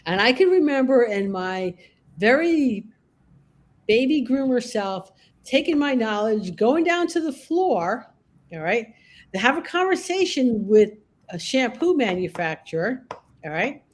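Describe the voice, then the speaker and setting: A woman's voice: a little high, big pitch swings, unhurried. A woman who works as a groomer and educator, telling stories in casual conversation and often checking in with "okay?" and "all right?".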